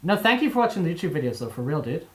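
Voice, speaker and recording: A man's voice: fairly high pitch, very animated, rapid-fire, fairly bright tone. A young man with a mixed, displaced accent, chatting casually on a live stream, rambling with many fillers and restarts.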